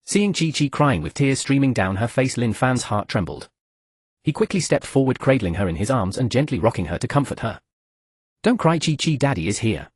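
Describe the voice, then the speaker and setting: Fast, animated male audiobook narrator. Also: mid-range voice, breathy edge, dry recording, studio quality. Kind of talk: scripted narration.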